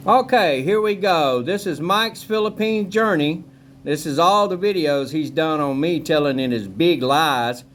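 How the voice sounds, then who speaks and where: A man's voice: a little high, unhurried, fairly bright tone, a little hiss or hum. A man vlogging casually and defiantly while walking outdoors with a handheld camera, rambling, a cigar in his mouth. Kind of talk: casual walking vlog tour. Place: outdoors at a rural family home.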